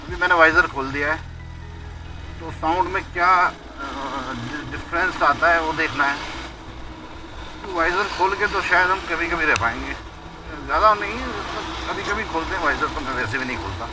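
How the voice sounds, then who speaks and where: A man speaking from inside a motorcycle helmet while out on his bike, talking in a relaxed way and thinking aloud, picked up by an action camera in a waterproof case outside the helmet. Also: fairly high pitch, normal speed, background noise. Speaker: motorcycle vlogger. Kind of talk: casual talk while riding. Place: outdoors on a motorbike by a road with trucks.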